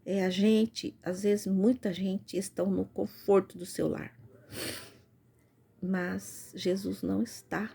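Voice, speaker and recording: Brazilian woman, earnest church testimony, husky and gravelly delivery. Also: medium pitch, flat delivery, slow pace, mellow. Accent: Brazilian Portuguese. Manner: earnest, repetitive, addresses listeners as "gente". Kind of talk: informal spoken testimony.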